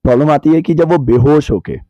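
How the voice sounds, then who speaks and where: A man with a sore, hoarse throat, explaining his views on a podcast in a measured way that weighs both sides. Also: fairly high pitch, warm tone, no room sound, lo-fi sound. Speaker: podcast guest answering questions. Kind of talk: reflective podcast discussion. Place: cold hill town, bundled up.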